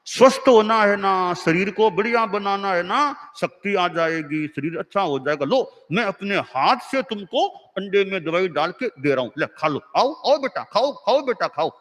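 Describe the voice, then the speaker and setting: A man's voice: sits high, lively intonation, a little slow, hardly any pauses, fairly bright tone. A man voicing an elderly grandfather, head of the family, coaxing his grandson insistently, in a story with long hall reverb.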